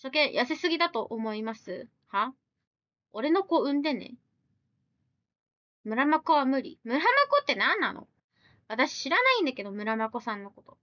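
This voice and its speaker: High, lively woman streamer, blunt and teasing. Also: dry recording, muffled recording. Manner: blunt, teasing retorts mixed with quick questions. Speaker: live streamer. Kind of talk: casual live-stream chat reading viewer comments.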